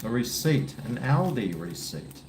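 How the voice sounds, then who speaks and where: Slow-talking Australian man, blokey and rambling. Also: medium pitch, sing-song. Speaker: livestream cooking vlogger. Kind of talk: casual rambling chat to viewers. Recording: faint background noise.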